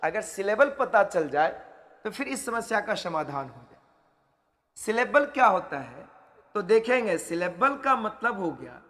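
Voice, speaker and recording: Man, grammar teacher, exam-prep lesson, repetitive drilling, slow pace, long reverb. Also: sits high, fairly bright tone. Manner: slow and repetitive, drilling each rule several times.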